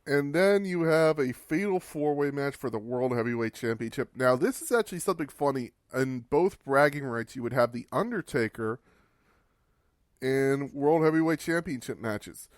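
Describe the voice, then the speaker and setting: A man's voice: mid-range voice, lively intonation, moderate pace, no room sound, studio quality. Casual man recapping wrestling matches. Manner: casual, wry, swearing for humor. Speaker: podcast host.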